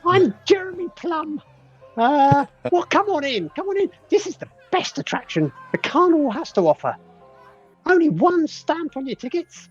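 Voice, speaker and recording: A man voicing a tiny, eager male pixie greeter with an excitable, halting, welcoming manner in a tabletop fantasy game. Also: very high-pitched, highs cut off, soft background music, voice pushed up.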